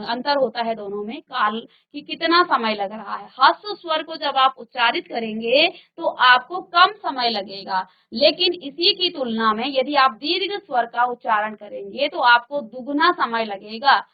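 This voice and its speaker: A woman teacher leads a virtual classroom lesson in a high voice, going through the material step by step. She stops to put questions to her students. The recording sounds dull and lo-fi. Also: animated, measured pace, few pauses. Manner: explains step by step and quizzes students.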